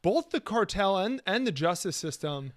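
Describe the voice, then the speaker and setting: A young man co-hosts a casual podcast, tearing into films he disliked with blunt, profane talk. His voice sits a little high and sounds dry and close to the microphone. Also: sing-song, normal speed, no room sound. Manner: profane, blunt movie ranting. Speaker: podcast co-host. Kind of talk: casual chat.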